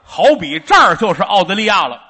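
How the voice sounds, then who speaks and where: Male comic in a crosstalk duo: lively pitch, spins tall tales with gusto. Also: fairly quick, breathy edge. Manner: animated, exaggerated storytelling. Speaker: crosstalk comedian. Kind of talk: live comedic crosstalk.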